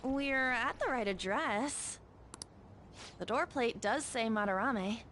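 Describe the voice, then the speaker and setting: A woman's voice: a little high, slow, fairly bright tone, a little hiss or hum. A woman playing an earnest, slightly hesitant teenage girl in a video game. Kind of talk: English video game voice acting.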